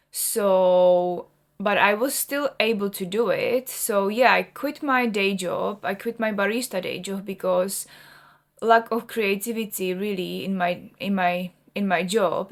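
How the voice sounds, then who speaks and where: Earnest woman from the Czech Republic. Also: medium pitch. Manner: earnest, rambling, frequent "so yeah" restarts. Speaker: artist and vlogger. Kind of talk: personal talk to camera.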